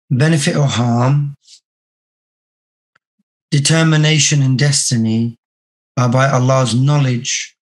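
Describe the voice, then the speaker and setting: A man with a hoarse, croaky sore-throat voice, teaching an online religious class in a measured, deliberate way. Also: mid-range voice, poor audio. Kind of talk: online class lecture with reading aloud. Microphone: video call.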